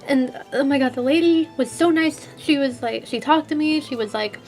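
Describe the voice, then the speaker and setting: A woman's voice: high-pitched, moderate pace, darkish tone. A young woman vlogging a convention haul in a bubbly, giggly, gushing way, full of "like". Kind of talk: casual convention haul vlog.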